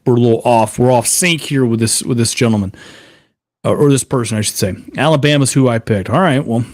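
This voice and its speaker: A man's voice: mid-range voice, fairly quick, darkish tone, dry recording, clean studio sound. A man co-hosting a live college football reaction show, reading out scores and viewer comments as he argues. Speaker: co-host.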